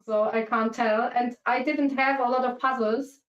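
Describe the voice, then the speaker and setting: A woman from Switzerland, a guest speed puzzler, chatting shyly and halting with giggles on a video call. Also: fairly high pitch, steady tone, roomy sound, muffled recording. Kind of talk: casual video call chat.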